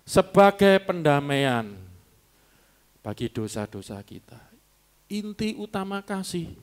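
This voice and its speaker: A man preaching a sermon in a church, animated and emphatic, slipping in local words and short chuckles. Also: sits high, slow, smooth. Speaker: pastor. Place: church sanctuary.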